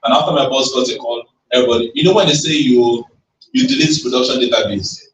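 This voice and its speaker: A man with a medium-pitched voice talks fast, delivering an emphatic, rallying motivational speech at a tech event. He pulls the audience in with call-and-response questions. The recording comes from far off in a roomy event hall, with a noisy background.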